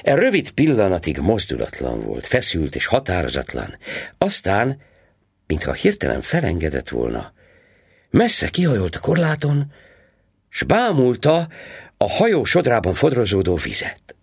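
A man's voice: on the low side, wildly swooping pitch, creaky, breathy edge, no echo, studio quality. A man narrating a literary story as an audiobook, reading dramatically and acting out a character's inner thoughts.

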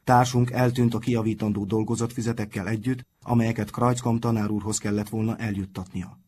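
A man's voice: fairly low pitch, little pitch movement, a little mellow, a little hiss or hum, close to an everyday voice. A man reading aloud and voicing an earnest, bold teenage schoolboy who takes the lead. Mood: explaining. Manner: earnest, eager.

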